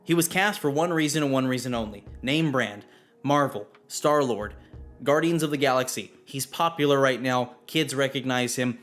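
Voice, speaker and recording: A man's voice: medium pitch, normal speed, a bit bright, faint music behind. Blunt, opinionated male film reviewer. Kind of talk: spoken movie review.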